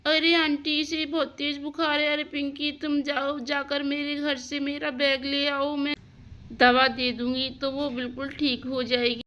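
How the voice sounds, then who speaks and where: A woman doing a gentle young village doctor. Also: sits high, flat delivery, unhurried, dull audio, voice pushed up. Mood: reassuring. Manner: gentle, reassuring.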